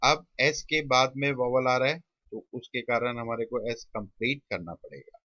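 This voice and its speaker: A man, teaching a shorthand lesson. He drags out sounds slowly and mixes English terms into his teaching. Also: mid-range voice, bright, forceful tone, no room sound, muffled recording. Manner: slow, stretched-out sounding of words, mixing English terms. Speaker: shorthand tutor. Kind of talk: classroom lesson.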